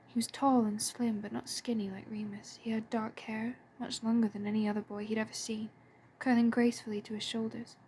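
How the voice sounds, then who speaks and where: A woman reading a story aloud in a soft, breathy and hushed way. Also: a little high, flat delivery, brisk, few pauses, slight background noise. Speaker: fan audiobook reader. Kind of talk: storybook narration.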